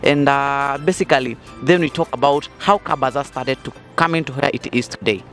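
A man's voice: medium pitch, fairly quick, a bit bright, soft background music. A young man interviewing someone outdoors, asking questions and backing them with short affirmations. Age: young adult. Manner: encouraging, frequent short affirmations. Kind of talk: street interview. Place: outdoor car market.

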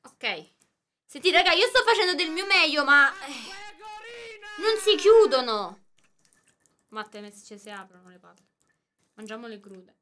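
A young woman with a high, bright voice co-hosts a cooking stream in a casual way. Her pitch jumps around a lot as she teases her partner. She laughs easily. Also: very animated, unhurried, long pauses. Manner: playful, teasing, laughs often. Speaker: guest co-host.

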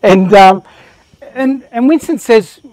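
A man's voice: very high-pitched, takes it slowly, a little mellow, no echo. A man giving a live motivational presentation to an audience, talking with passion and energy. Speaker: workshop presenter.

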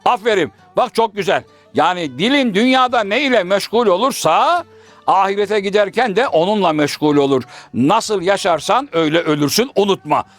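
A pompous, learned shadow-puppet gentleman who corrects and moralizes in proverbs. The voice is pitched high and swings animatedly as he lectures. Faint music runs behind. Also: animated, normal speed. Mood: preachy. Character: learned, preachy male shadow-puppet scholar. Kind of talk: traditional shadow-puppet comedy dialogue.

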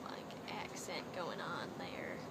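This young Canadian woman has a low voice with big pitch swings and takes her time as she chats through a casual haul video in a playful put-on accent. A vlogger, she's filming on her laptop webcam in a cluttered little bedroom, and the sound is noisy.

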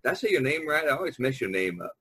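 Talkative and joking, this American podcast host and visual artist keeps the others moving during a casual chat on a video call. He speaks very fast in a sing-song, mid-range voice with a sharp tone and a breathy edge.

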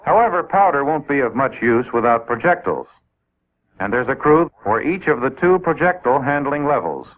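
An American man with a medium-pitched voice narrates a 1950s military training film, speaking fairly quickly with lively intonation. He explains things methodically and addresses the trainees directly. The audio is a tinny, narrow-band soundtrack from an old 1950s film.

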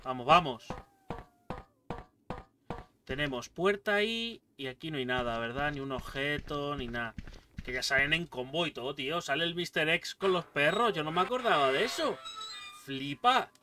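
Excitable, foul-mouthed gamer man. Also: on the high side, moderate pace, distant mic, slight background noise. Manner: excitable, swears a lot, yelps at jump scares. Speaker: gaming streamer. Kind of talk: casual let's-play commentary.

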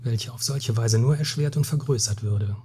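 Man reading spanish captain, weary, grave, scornful, very husky breathy voice, dark tone, storybook. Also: mid-range voice, normal speed. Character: weary, hot-tempered Spanish captain, middle-aged man.

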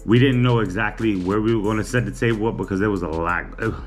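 A man's voice: on the low side, fast, soft background music. Laid-back man chatting to camera. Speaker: vlogger. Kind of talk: casual chat. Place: small indoor room. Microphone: camera on a table.

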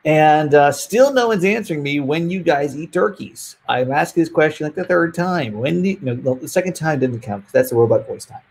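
Gravelly, husky man on a video call. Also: a little high, moderate pace, hardly any pauses. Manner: relaxed, rambling, laughs often. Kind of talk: casual livestream chat. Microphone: earbuds over a browser video call.

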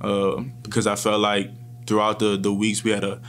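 A man in his twenties, a college football player, fields post-game questions calmly and in a measured way, frequently starting sentences over. His voice is lowish, there's slight background noise, and he speaks into table microphones in a press room in front of a sponsor backdrop.

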